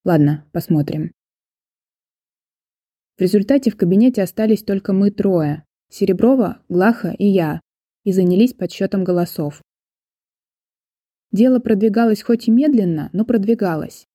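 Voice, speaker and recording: A woman narrating a first-person audiobook in a steady, measured storytelling manner. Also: medium pitch, no echo, clean studio sound.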